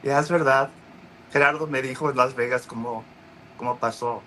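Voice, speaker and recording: Halting man with a bright voice. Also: mid-range voice, steady tone, slight background noise, low-quality recording. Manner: halting, many restarts and fillers, acts out quoted voices. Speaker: interview guest. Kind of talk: casual storytelling interview.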